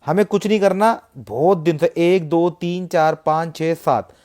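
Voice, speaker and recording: A man's voice: fairly high pitch, measured pace, a little mellow. A man talking casually to viewers and walking through a number chart step by step, repeating himself often. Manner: chatty, repetitive, walks through a chart step by step. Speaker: matka chart tipster. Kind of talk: casual explainer talk to viewers.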